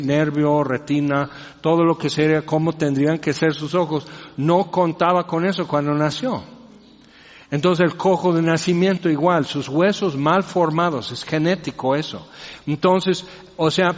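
Male preacher, chatty and joking, fairly high voice, dull recording. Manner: conversational, rhetorical questions and joking asides. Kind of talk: sermon. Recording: reverberant hall, dull lo-fi sound.

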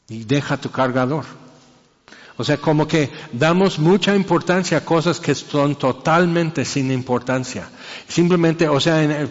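A man's voice: a little high, long reverb tail, lo-fi sound. A man preaching a sermon in a casual, joking way, acting out little scenes. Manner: conversational, acts out voices and jokes.

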